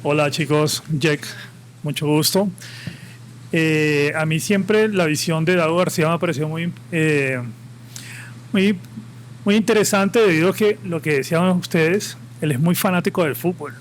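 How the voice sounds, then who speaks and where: Impassioned high-voiced Colombian coastal man. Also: moderate pace, a little hiss or hum. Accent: Colombian Caribbean coast. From Colombia, Caribbean coast (Santa Marta). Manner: impassioned, opinionated, rambling with restarts. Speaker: podcast guest. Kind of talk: live podcast discussion. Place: live podcast event with audience.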